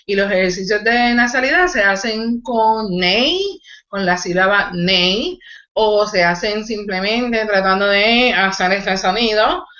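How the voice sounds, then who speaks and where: A woman's voice: medium pitch, a little slow, fairly bright tone, echoey room, lo-fi sound. A woman vocal coach teaching a live online singing lesson, explaining technique and demonstrating nasal exercises. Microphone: video call.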